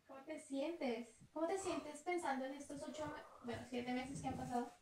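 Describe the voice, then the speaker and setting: In an echoey room with faint background noise, a young Colombian Spanish-accented woman reflects on her travels as a vlogger. Her voice sits high and darkish, with fairly even intonation and a moderate pace. She's chatty, contemplative, and quick to laugh.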